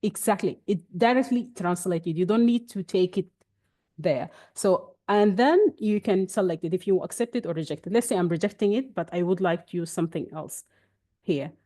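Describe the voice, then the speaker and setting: A young woman, Arabic being her first language, presents a screen-share software demo during a webinar. Chatty and explanatory, she restarts often, speaking at a moderate pace in a lowish voice.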